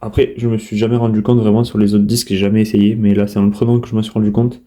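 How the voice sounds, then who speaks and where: A man's voice: lowish voice, level tone, fast talker, mellow. A man casually showing his disc collection in an unboxing video, talking in a chatty, hesitant way with many fillers and restarts.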